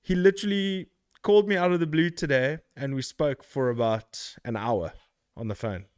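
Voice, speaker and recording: A man's voice: a little high, normal speed, clean tone, no echo, studio quality. A man from South Africa hosting a podcast in casual chat, rambling, laughing and swearing loosely. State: out of breath. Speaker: podcast host.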